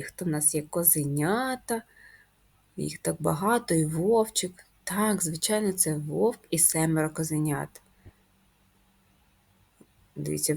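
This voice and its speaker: A woman teacher leads a first-grade reading lesson at a slow, patient pace. Her voice is slightly low and breathy. She coaxes answers with questions and breaks words into sounds and syllables. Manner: coaxing questions to children.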